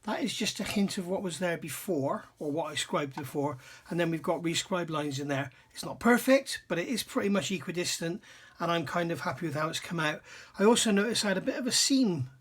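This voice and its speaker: Brit hobbyist host, rather high voice, dry throat, chatty and self-deprecating tutorial at home bench. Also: male voice, expressive, a little fast, few pauses, a bit bright, husky. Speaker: scale model building channel host. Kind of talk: casual workbench tutorial.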